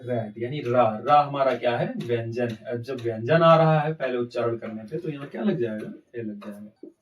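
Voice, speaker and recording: Male grammar teacher, steady mid pitch, quiz-and-answer delivery, slightly distant mic. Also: normal speed. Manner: asks rhetorical questions and answers them himself. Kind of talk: classroom-style grammar lesson.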